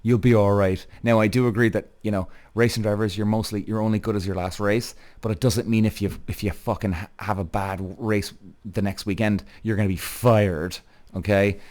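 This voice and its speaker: A man's voice: lowish voice, steady tone, moderate pace, darkish tone. A man from Cork with an Irish accent hosts his own show, giving casual, emphatic and sweary motorsport commentary straight to his audience. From Cork, Ireland. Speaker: show host.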